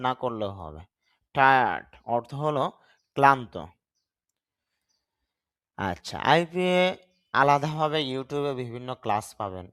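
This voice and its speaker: A man whose first language is Bengali, teaching an English lesson and slowly spelling out words and sounds. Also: mid-range voice, a bit bright. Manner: spells out letters and drawn-out pronunciations, stressing syllables.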